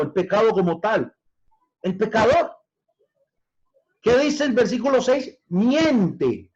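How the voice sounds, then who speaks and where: A man preaching as pastor in a discipleship class, addressing listeners as brothers, asking them questions and drawing out key words slowly for emphasis. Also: sits high. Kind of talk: discipleship teaching on scripture. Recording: dull lo-fi recording.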